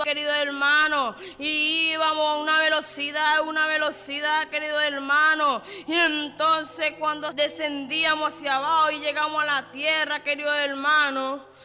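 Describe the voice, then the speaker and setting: Woman, high steady voice, emotional church testimony, reverberant hall, faint music. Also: measured pace. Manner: repetitive, keeps addressing listeners as dear brother.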